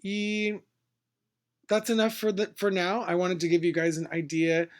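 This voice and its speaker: A man giving a casual language lesson, modeling short phrases slowly and switching between two languages. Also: high-pitched, flat delivery, slight background noise. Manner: slow, deliberate modeling of phrases, switching between Spanish and English. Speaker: Spanish teacher.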